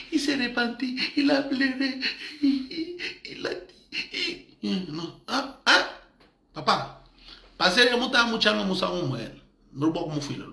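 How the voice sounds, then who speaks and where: A man preaches with animated energy, laughing often and dropping African words into his sermon. His voice sits slightly high and rings bright and forceful. The sound is roomy, with echo around him. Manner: lively, mixes in Lingala and Tshiluba words, laughs often. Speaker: pastor. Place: church in Madrid.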